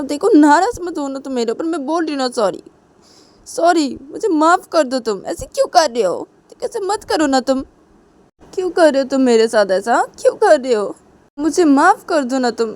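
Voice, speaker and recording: A woman's voice: high-pitched, a little mellow. A woman voicing a young woman who begs her lover to forgive her, asking the same questions again and again. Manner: pleading, repetitive questioning. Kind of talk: one-woman storytelling with voices.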